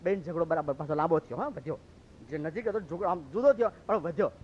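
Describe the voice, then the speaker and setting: A man from Gujarat, a monk telling stories in a lively sermon and acting out what others said. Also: on the high side, fast, slight background noise. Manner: lively, acts out quoted speech. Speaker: monk preacher. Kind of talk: storytelling sermon. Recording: dull lo-fi recording.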